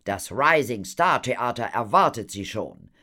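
A woman voicing a pompous, excitable male theatre impresario who talks grandly and gushes in a storybook reading. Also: a bass voice, measured pace, heavily acted. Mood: gushing.

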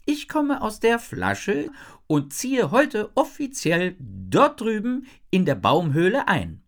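A woman voicing a bubbly, chatty young girl genie in an audiobook, giggly and quick with her words. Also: medium pitch, sing-song, pitched above the performer's own voice. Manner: giggly, fast talking, squeals when scared. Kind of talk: audiobook character voice.

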